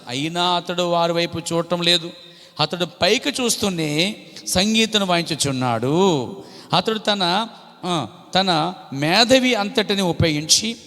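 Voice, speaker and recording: Fervent Coastal Andhra preacher, bright voice. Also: male voice, sits high. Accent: Coastal Andhra Telugu. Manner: preaching fervently, swelling louder on key phrases; polite "andi" tags throughout. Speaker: pastor. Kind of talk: sermon. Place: church hall. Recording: long reverb of a church hall.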